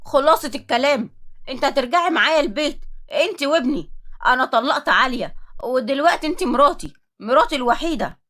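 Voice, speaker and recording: Angry egyptian husband, read by a woman, loud and demanding, kinda high. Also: expressive, fast talker. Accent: Egyptian Arabic. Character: angry wealthy young husband, possessive.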